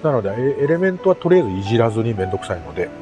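This amateur radio vlogger, a middle-aged Japanese man, talks to camera in a mid-range, sing-song voice at a rapid-fire clip. The recording is muffled, music plays underneath, and his casual talk is rambling and self-deprecating.

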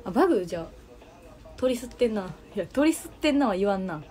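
A woman's voice: medium pitch, sing-song, fairly quick, darkish tone. A young woman with a Kansai Japanese accent hosting a casual livestream, chatting and answering viewer comments. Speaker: livestream host.

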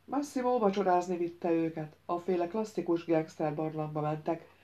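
A woman reads an audiobook in steady, scripted narration. Her voice is a little low. The recording sounds slightly dull and muffled.

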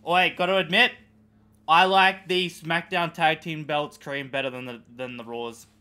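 A male streamer with a bright, forceful, slightly high voice chats and swears his way through a live gaming session. He jumps between greeting viewers and bantering with friends, loose and excitable throughout. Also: normal speed, clean tone. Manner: excitable, profane, bantering with chat. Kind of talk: casual live-stream chat while gaming.

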